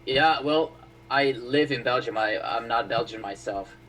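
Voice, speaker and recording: A relaxed man born in Bulgaria chats about stocks on a live stream. His voice sits at an ordinary pitch and sounds a little distant from the mic. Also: measured pace. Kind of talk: casual stock-market chat on a live stream.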